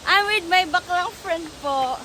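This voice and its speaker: A woman vlogging excitedly on a rocky waterfall hike, often out of breath. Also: very high-pitched, a little hiss or hum, rough recording. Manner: excited, exclamatory, mixing in English. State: out of breath from hiking. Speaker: travel vlogger. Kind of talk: travel vlog narration. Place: outdoors at a waterfall on rocky trail. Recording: loud waterfall roar behind voice.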